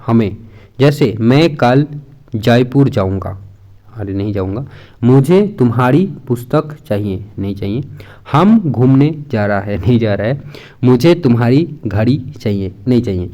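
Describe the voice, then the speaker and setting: A man's voice: medium pitch, dark tone, highs cut off. A man teaching an exam-prep grammar lesson in a chatty way, repeating points and mixing in English words.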